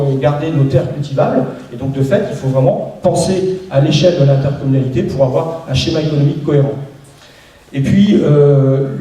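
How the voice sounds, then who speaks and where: A local election candidate gives a campaign speech in a fairly high, mellow voice, hesitant and full of restarts and fillers. The room is echoey, and he sounds far from the microphone.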